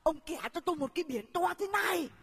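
An actress playing a flustered, scheming rural wife in a stage comedy sketch, wailing and shouting her exclamations. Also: extremely high pitch, animated, fast, background noise. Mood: excited. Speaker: comic stage actor.

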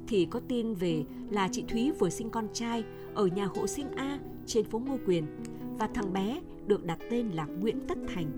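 Calm woman reading a radio story. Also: medium pitch. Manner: measured, even storytelling. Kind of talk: scripted narration of a novel.

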